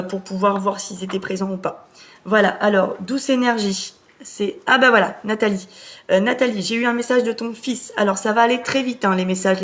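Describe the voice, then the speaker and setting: A woman medium hosting a live stream, talking casually with many hesitant fillers as she briskly relays messages. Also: mid-range voice, a little hiss or hum.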